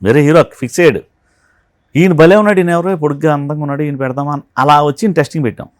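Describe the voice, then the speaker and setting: A man, a film art director, telling animated stories from a film shoot in an interview and acting out the dialogue. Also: on the high side, racing, no echo, clean studio sound. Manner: animated storyteller who acts out quoted dialogue. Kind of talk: anecdotal interview storytelling.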